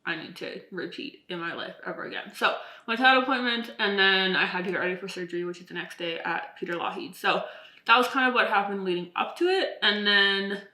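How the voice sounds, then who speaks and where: Briskly and in a medium pitch, a young woman in her twenties chats to camera, her voice pushed and bright. Her mouth is stiff from swollen, numb lips resembling fresh filler, and she rambles with self-deprecating humor and frequent "like". Echo fills the room.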